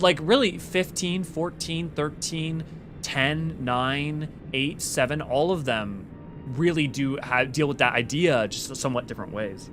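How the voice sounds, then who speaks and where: A man hosting a casual livestream, reading viewer comments aloud and rambling excitedly with quick restarts. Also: a little high. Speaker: livestream host.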